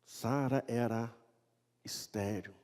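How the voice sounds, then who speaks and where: A man with a Brazilian Portuguese accent preaching a sermon as a pastor. He reads scripture loudly, then tells the story in a casual, joking tone. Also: mid-range voice, steady tone, slow pace. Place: church sanctuary. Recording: long church reverb.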